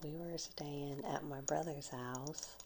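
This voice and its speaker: Slow, whispering woman doing ASMR with tapping. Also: sits low, fairly even intonation. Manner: whispering and very soft-spoken. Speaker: ASMR creator. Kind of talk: ASMR storytime and rambling. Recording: noisy, with constant clicking and tapping. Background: tapping and clicking on seashells.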